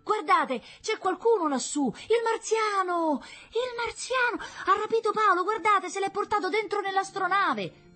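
A woman voicing an excited small child shouting in a crowd in a storybook reading. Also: very high-pitched, unhurried, soft background music, voice pushed up, heavily acted. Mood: alarmed.

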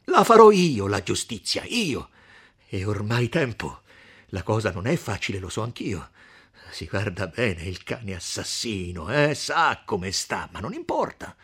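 A man voicing a hot-tempered young man in a storybook reading, shouting fiercely in a high, strained voice. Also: lively intonation, measured pace, breathy edge, heavily acted. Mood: furious.

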